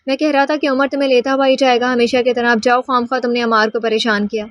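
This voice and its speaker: A woman's voice: fairly high pitch, level tone, a little hiss or hum, natural voice. A woman voicing a middle-aged uncle who talks with mild scolding.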